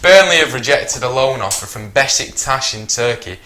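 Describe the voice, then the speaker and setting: A man's voice: medium pitch, animated, moderate pace, crowd noise. A man co-hosting a casual football chat, joking and teasing his co-host as he talks transfers.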